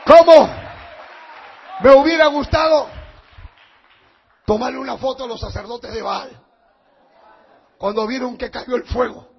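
A man preaching a fiery sermon as pastor, shouting his points with emphatic force. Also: extremely high pitch, creaky, muffled recording.

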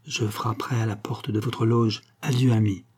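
A man's voice: on the low side, flat delivery, moderate pace, darkish tone, breathy edge. Man reading as a coaxing false countess. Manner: sentimental, coaxing.

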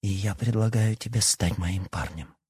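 A man's voice: on the low side, normal speed, darkish tone, breathy edge, no room sound, studio quality. A man reading as a blunt young werewolf princess. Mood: earnest, forthright.

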